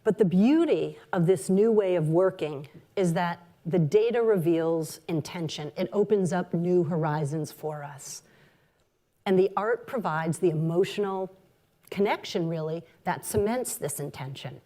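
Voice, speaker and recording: A woman marketing executive giving a conference talk, measured and sprinkled with ums and uhs. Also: fairly low pitch, dark tone.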